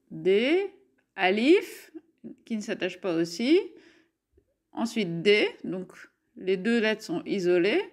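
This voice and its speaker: A woman teaching a beginners' class on writing letters, speaking in a slow, patient way and spelling out each sound. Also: mid-range voice. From France. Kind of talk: Arabic alphabet lesson.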